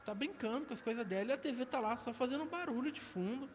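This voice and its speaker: A man's voice: extremely high pitch, fast. A man with a Brazilian accent, a podcast guest telling stories from his life in a slangy, darkly humorous way. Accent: Brazilian Portuguese. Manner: storytelling, slangy, dark humor. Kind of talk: casual testimony and chat. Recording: noisy recording.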